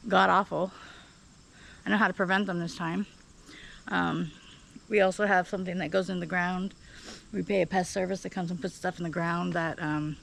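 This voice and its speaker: A woman's voice: on the low side, vocal fry, a bit bright, a little hiss or hum, low-quality recording. A woman from South Dakota giving a candid, rambling update on her vegetable garden outdoors. She is out of breath and uses many fillers. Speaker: gardening vlogger. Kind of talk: casual garden update chat.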